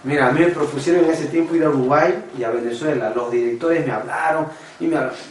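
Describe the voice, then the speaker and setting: A man's voice: on the high side, fast, echoey room, far from the mic, slight background noise, poor audio. A man preaching a personal testimony sermon, earnest and confessional, often calling his listeners brothers. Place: church meeting room.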